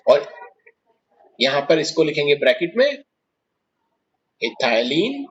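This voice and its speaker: A male chemistry teacher with a fairly high voice lectures at the board, working through each step and asking his students questions as he goes. The recording is dull and lo-fi. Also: sing-song, slow pace, a bit bright, slight background noise.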